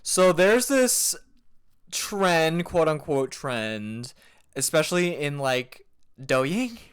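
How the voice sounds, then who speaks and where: A man's voice: on the high side, sing-song, very slow, clean tone. A young man in his twenties co-hosting a podcast, earnest and reflective, with the odd mocking aside. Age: 20s. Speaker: podcast co-host. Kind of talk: casual chat.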